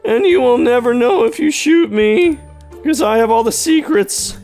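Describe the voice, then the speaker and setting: A man putting on a high, flustered young homeowner. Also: animated, normal speed, faint music behind. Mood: pleading, nervous. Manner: high, loud, comically pleading put-on voice.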